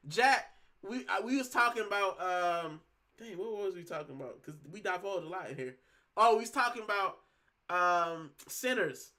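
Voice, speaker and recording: Here a man in his thirties from Puerto Rico runs a relaxed home livestream, reading chat messages and rambling chattily in slang full of fillers. He speaks at a moderate pace in a high-pitched, expressive voice that comes across pushed and bright.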